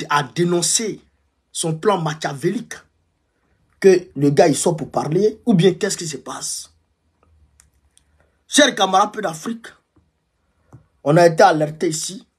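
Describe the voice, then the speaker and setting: A man speaking as a political commentator in a fiery revolutionary-style address, emphatic and repeating his phrases for effect, with a husky voice. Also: fairly high pitch.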